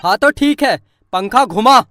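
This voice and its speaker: A woman's voice: a little high, lively intonation, measured pace, over loud music, pitched below the performer's own voice. A woman voicing a short-tempered, frazzled cartoon father who snaps orders and complains about his life. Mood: grumpy. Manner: snapping, scolding, self-pitying complaints. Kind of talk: comic cartoon voice acting.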